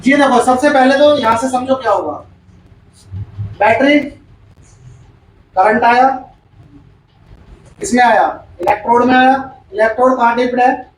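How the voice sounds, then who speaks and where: Guy teaching class, really high voice, repeats stuff and quizzes students, sounds far off in a room. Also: unhurried, long pauses, slight background noise. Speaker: chemistry teacher. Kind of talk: classroom lecture. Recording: echoey room, far from the mic.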